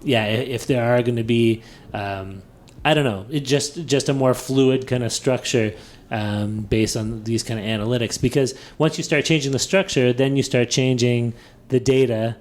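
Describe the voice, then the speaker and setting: A man's voice: mid-range voice, normal speed, darkish tone. A man hosting a tech podcast in casual chat, thinking aloud with many fillers and restarts, laughing easily. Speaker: podcast host.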